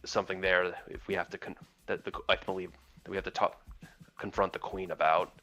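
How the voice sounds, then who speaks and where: A man talking through plans as a player in a tabletop role-playing game, in a halting, deliberate way. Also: deep voice, flat delivery, sharp tone. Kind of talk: in-character discussion at a tabletop game. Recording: dull sound with music behind.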